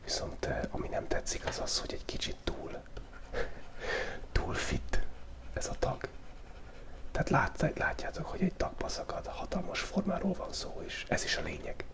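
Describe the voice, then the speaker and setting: A high-pitched man with big pitch swings, a Hungarian YouTube drawing host with a cold, whispers playful ASMR commentary while sketching. He jokes as he goes, speaking into a small mic taped very close to his face.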